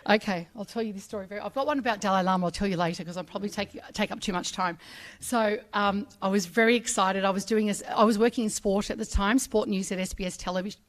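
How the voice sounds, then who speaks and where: Speaking quickly in a mid-range voice, this middle-aged Australian woman, raised with Arabic, shares a chatty, heartfelt personal speech at a public ceremony. She acts out voices as she tells her stories.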